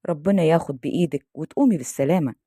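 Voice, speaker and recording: A woman's voice: low-pitched, rapid-fire, warm tone, breathy edge, no room sound, studio quality. A woman reading a coaxing Egyptian man. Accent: Egyptian Arabic. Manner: coaxing, insistent. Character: caring grown man, persistent neighbour.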